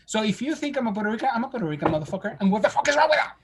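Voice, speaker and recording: A man's voice: high voice, rapid-fire, background noise. A man in his fifties, born in Spain, telling stories in a casual interview over a video call from a home study. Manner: animated storytelling, gesturing widely. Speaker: guest.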